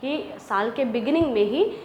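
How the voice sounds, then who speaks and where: A young woman teaching an English lesson. She reads English lines slowly and deliberately, then explains them in Hindi. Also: fairly high pitch, expressive, darkish tone, lo-fi sound. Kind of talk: classroom lesson explaining a textbook chapter. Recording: echoey room with faint ambient noise.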